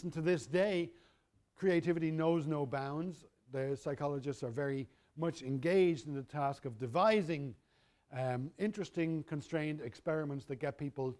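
Middle-aged male lecturer, slightly higher voice, dry humour, casual delivery with frequent self-corrections. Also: darkish tone. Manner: wry, conversational, self-correcting. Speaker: university lecturer. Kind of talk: university lecture.

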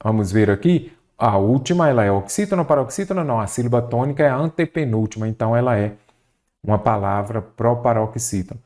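A man's voice: medium pitch, lively intonation, brisk, a little mellow. Man teaching grammar, questioning style. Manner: didactic, asks questions and answers them himself. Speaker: Portuguese language teacher. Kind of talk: online exam-prep lesson.

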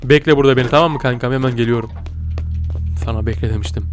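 A man giving casual gameplay commentary and talking straight to his viewers, swinging between muttering and yelling. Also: medium pitch, steady tone, very fast, music in the background. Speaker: gaming video host.

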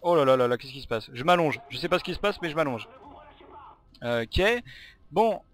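A man giving live commentary while playing a video game. He rambles, stumbles over his words and breaks into excited outbursts at the game. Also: medium pitch, moderate pace. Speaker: gamer and channel host.

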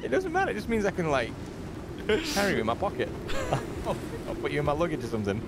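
Lively guy gaming with a buddy, laughing, game noise behind. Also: on the high side, fast. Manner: teasing, excitable, laughs a lot. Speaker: co-op gaming streamer. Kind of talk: casual gameplay chat.

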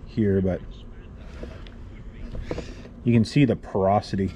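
A welder with his own channel narrates a repair casually from his cluttered workshop garage, meandering and self-correcting in plain speech. He talks slowly in a lowish, steady, mellow voice; the highs are cut off and there's slight background noise.

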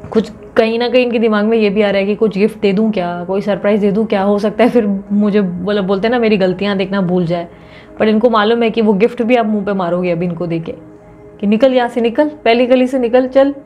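A woman's voice: mid-range voice, fairly even intonation, quick pace, dull audio, slight background noise. A woman reading tarot for her viewers in a chatty, teasing way, often acting out quoted lines. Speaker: tarot reader.

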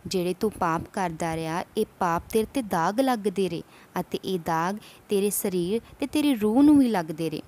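A woman voicing a calm wise male saint. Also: high voice, normal speed. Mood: admonishing. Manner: calm, instructive, preaching.

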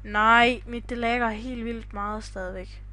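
A woman's voice: fairly high pitch, steady tone, sharp tone, slight background noise. A young woman chatting casually while playing a game with a friend, laughing often. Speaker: channel owner, gamer. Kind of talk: casual gaming chat.

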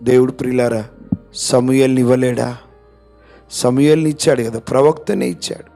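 A man pastor, preaching an impassioned sermon that swings from hushed to shouted. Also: mid-range voice, fairly even intonation, normal speed, creaky, faint music behind.

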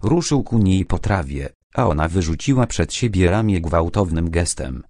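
Man, audiobook narration, measured, expressive, dry close sound. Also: low-pitched, no echo. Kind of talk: scripted narration.

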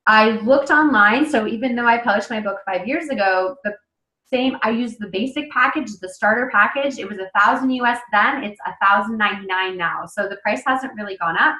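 Fairly quick and forceful, with a bright, high-leaning voice, a native English-speaking author gives a casual instructional webinar. The webcam mic on her video call picks up an echoey room. She sounds conversational, with frequent fillers and restarts.

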